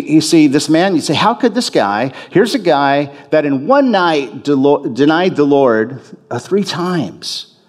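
A man's voice: mid-range voice, a little mellow. A man preaching a sermon as a pastor in a church, talking conversationally, often restarting and repeating phrases for emphasis.

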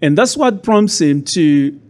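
A middle-aged man from Zambia, a guest preacher giving a sermon in a church, measured and hesitant, with many fillers. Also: a little high, expressive, a little mellow.

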